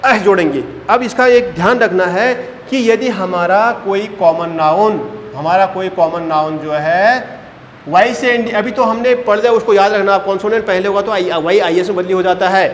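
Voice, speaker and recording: A male teacher with a fairly high voice and drills a class through grammar rules. He keeps asking and answering his own questions, calling the students beta. The sound is a roomy classroom with a long reverb tail and faint background noise. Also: normal speed.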